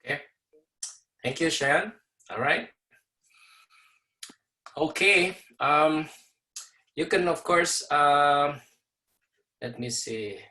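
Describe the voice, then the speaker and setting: A man teaching a university class over a video call, explaining slowly with many fillers and pauses. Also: fairly high pitch, bright, forceful tone, rough recording. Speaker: university professor. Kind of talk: online lecture with class introductions.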